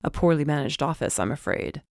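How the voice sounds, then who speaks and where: A woman voicing a wry, deadpan male police detective in an audiobook. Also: low-pitched, fairly quick, creaky, no room sound, studio quality.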